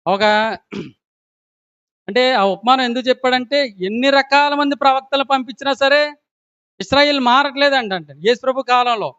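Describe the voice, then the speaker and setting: High-voiced Telugu-accented preacher. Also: male voice, normal speed, pauses often, bright, forceful tone, clean tone, no echo, lo-fi sound. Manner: asks the congregation questions, polite repeated "andi". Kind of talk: sermon.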